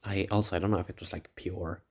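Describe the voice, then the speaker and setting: A young man with a very low, gravelly voice recounts a dream in a loose, casual ramble. He sounds hazy and puzzled, halting to search for words and correct himself. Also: steady tone. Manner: swears casually. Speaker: dream diarist.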